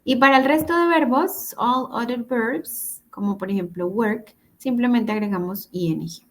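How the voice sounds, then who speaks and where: A woman's voice: on the high side, moderate pace. Lady teacher on a video call, patient, keeps checking everyone's following. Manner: patient, repeats examples, checks in with "¿listo?". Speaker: English teacher. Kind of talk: online class explanation. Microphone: computer mic on a video call.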